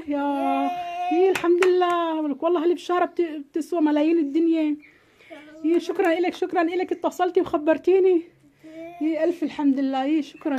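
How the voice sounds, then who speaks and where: A woman's voice: high voice, a little mellow. A woman hosts a family vlog, coaxing and soothing someone with many endearments. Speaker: family channel host. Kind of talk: casual vlog talk to a pet or child. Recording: dull lo-fi sound, faint background noise.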